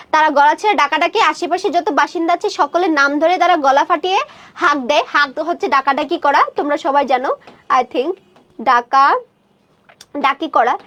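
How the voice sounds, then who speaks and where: A woman's voice: high-pitched, a bit bright. A woman teacher explaining a short story to students in a conversational lecture, asking questions and answering them herself.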